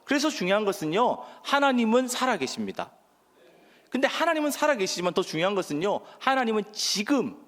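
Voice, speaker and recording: Man, pastor, sermon, call-and-response, high pitch, very animated delivery, reverberant church hall. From Gyeongsang region, Korea. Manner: preaching with call-and-response to the congregation. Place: church sanctuary.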